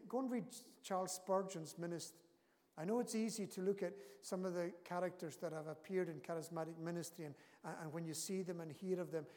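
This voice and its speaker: A man's voice: a little high, a little mellow. A man preaching a sermon as pastor of his church, earnest and emphatic, his intensity rising and falling. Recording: long reverb of a church hall.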